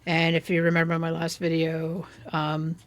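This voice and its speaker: Middle-aged woman rambling thru her game build, kinda low voice, chatty. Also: monotone, moderate pace. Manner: chatty, rambling, coaxing baby talk to animals. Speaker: gaming YouTuber. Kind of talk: casual gameplay commentary.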